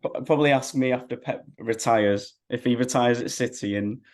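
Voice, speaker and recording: A man's voice: medium pitch, moderate pace, a little mellow. A man, chatting casually as a football fan being interviewed.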